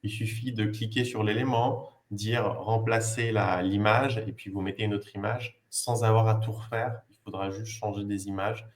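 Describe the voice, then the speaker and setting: A man's voice: on the low side, steady tone, moderate pace, few pauses. A man, a language teacher, casually presenting learning games on a video call, explaining step by step with many fillers and hesitations.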